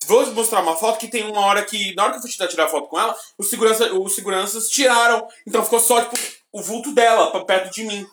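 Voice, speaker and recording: A man with a deep voice, co-hosting a podcast and telling stories with excitement and sudden shouted bursts. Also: fast, hardly any pauses, a little hiss or hum. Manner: excited storytelling, bursts of shouting when retelling. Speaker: podcast co-host. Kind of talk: casual chat. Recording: roomy echoey room.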